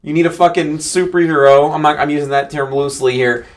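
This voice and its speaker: A man's voice: on the high side, fairly even intonation, fast talker. A man co-hosting a casual reaction chat, blunt and sweary, ranting about a film review. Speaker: co-host.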